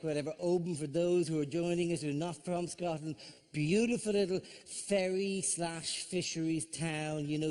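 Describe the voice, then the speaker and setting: An Irish man doing live stand-up comedy, telling stories in a rapid, excitable way and swearing freely. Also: on the high side. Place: theatre stage before an audience. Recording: noisy live show recording.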